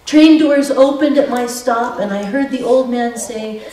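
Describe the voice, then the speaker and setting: A woman pastor telling a children's story in church, animated and asking the children questions. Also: fairly high pitch, measured pace. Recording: echoey sanctuary from far off.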